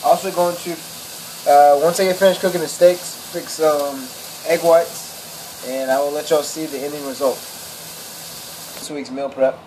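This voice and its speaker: A young man vlogging in his home kitchen, explaining his cooking step by step in a relaxed, matter-of-fact way with plenty of fillers. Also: on the high side, measured pace, long pauses, slight background noise, poor audio. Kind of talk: casual cooking vlog. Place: home kitchen indoors, then a car. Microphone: handheld camera close, at times set down.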